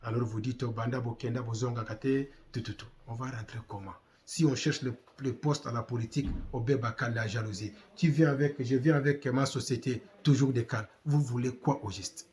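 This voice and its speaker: With a steady, slightly mellow mid-range voice, a man from the Democratic Republic of the Congo talks fairly quickly and barely pauses. His Congolese French-accented commentary is impassioned, exhorting, and full of rhetorical questions and repeated points.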